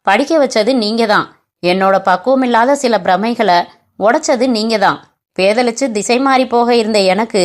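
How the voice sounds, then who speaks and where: A woman's voice: fairly high pitch, lightly acted. A woman voicing an earnest, remorseful young man who speaks humbly, apologetically and politely in a storybook reading. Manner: apologetic, pleading, respectful.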